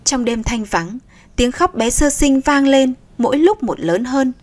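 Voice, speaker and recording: A woman's voice: high voice, unhurried. Woman narrating. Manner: steady, descriptive. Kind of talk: scripted story narration.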